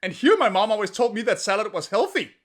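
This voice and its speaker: A man's voice: high voice, big pitch swings, fast. A man narrating a comedic video game review, jokey and full of exaggerated outbursts.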